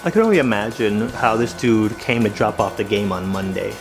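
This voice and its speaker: A man telling comedic stories in an animated, exaggerated way, speaking straight to the viewers. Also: on the low side, a little fast, over music. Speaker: comedian storyteller. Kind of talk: comedic storytelling monologue.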